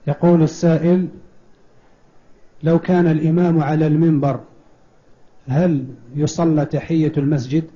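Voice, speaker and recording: A man reads out listeners' questions in a large mosque, plain and formulaic. His voice is very dark and mellow, and it sits slightly high. The recording is dull and lo-fi. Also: level tone, normal speed, pauses often. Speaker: reader of submitted questions. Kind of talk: reading questions aloud.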